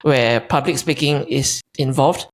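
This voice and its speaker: A man's voice: mid-range voice, measured pace. A man explaining things as co-host of a casual podcast, with some hesitation.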